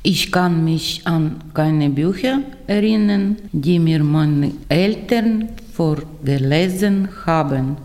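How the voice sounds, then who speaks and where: A woman's voice: sits low, slow pace, hardly any pauses, darkish tone, big-room sound. A woman in her fifties from Ukraine, a German learner, carefully reading a short text about herself. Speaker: language course participant. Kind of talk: reading a short self-introduction.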